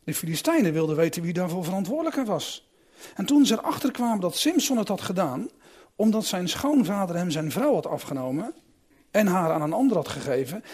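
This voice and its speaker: Lively man reading and explaining Scripture. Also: sits high, breathy edge. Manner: lively, musing, with restarts. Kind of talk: Bible reading and commentary.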